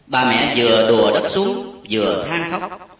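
A man's voice: mid-range voice, expressive, a little slow, creaky. Echoey, distant man telling a solemn story. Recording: very echoey, distant, dull lo-fi sound.

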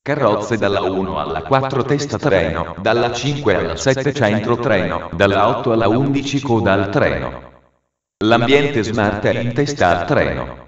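A man giving automated train announcements as a railway station announcer, in a formal, measured way with segmented phrasing. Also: fairly low pitch, sing-song. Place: large railway station, heard over loudspeakers. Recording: muffled, very echoey station PA, distant.

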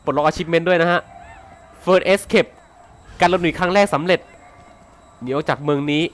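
A man commentating his game playthrough in an excitable way, swearing and laughing as he plays. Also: a little high, moderate pace. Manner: excitable, swears and shouts often; laughs a lot. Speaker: gaming YouTuber.

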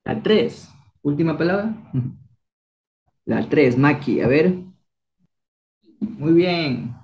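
A man's voice: fairly high pitch, lively intonation, extremely slow, darkish tone, muffled recording. A young man from Ecuador teaching a language class, coaxing students with encouraging quiz questions. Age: young adult. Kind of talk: online class, quizzing students.

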